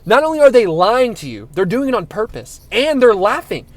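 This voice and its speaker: A man's voice: high voice, sing-song, a little fast. A young man in a casual monologue who talks in a heated, preachy way, swears and says "bro" a lot. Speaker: spiritual vlogger.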